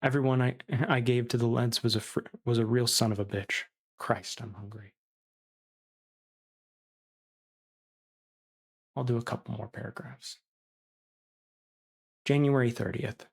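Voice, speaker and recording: A man reading as a starving, bitter disgraced surgeon who confesses in a castaway's diary, callous and self-justifying, with a creaky voice. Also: medium pitch, steady tone, normal speed. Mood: cynical, unrepentant, then hungry, weary.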